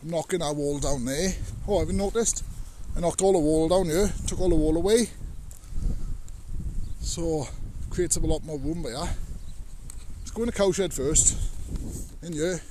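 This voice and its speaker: With a mellow, fairly high voice at a moderate pace, a man gives a casual walk-through vlog of his farmyard and cow shed outdoors. He rambles plainly, demonstrating his work as he goes. His body-mounted action camera records slight background noise.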